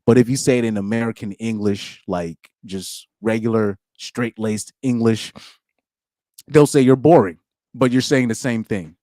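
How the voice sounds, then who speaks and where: A young man chats casually on a live podcast stream, reading comments aloud and rambling in slang full of stops and restarts. His pitch sits mid-range for a man. The sound is close and dry. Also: unhurried, dark tone, no echo.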